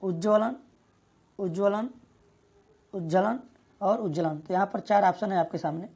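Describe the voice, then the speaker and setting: A woman teaches an exam prep lesson, reading each question and its options aloud before walking through the answer. Her voice is mellow and somewhat breathy, and her delivery stays steady and methodical. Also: medium pitch, moderate pace.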